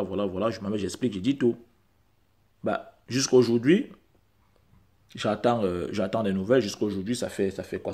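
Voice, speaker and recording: This Central African man vlogs directly to the camera, speaking French as a non-native. He has a lowish, somewhat dark voice, and his delivery is insistent and repetitive, rising to forceful high points.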